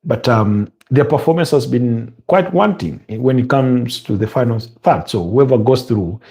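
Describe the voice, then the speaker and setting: Speaking a little slowly in a mid-range voice, this Ugandan host comments on the game live in his Ugandan English accent. His easygoing, chatty delivery is full of ums and uhs.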